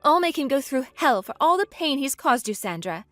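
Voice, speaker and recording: Woman voicing a guilty best friend, apologetic, hesitant, lower softer voice, dry sound. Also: very animated, brisk, no room sound, soft background music.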